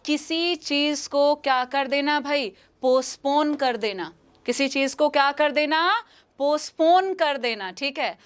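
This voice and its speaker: High-voiced Indian woman teaching English. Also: unhurried. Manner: repeats questions and answers, calls students "beta". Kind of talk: live online exam-prep lesson.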